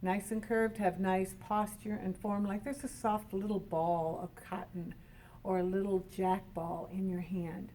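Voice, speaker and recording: A woman giving a piano lesson, explaining each point plainly and slowing down to show it. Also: medium pitch, a little mellow, slight background noise. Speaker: piano teacher. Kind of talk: instructional talk. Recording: voice from some distance from the mic.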